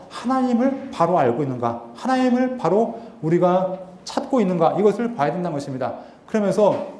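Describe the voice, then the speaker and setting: A man teaching a Bible seminar with a high, light voice. He talks in an earnest lecturing tone and keeps posing questions he answers himself. The sound rings around a roomy lecture hall. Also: warm tone. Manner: earnest, asks and answers his own rhetorical questions. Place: lecture hall at a theological university.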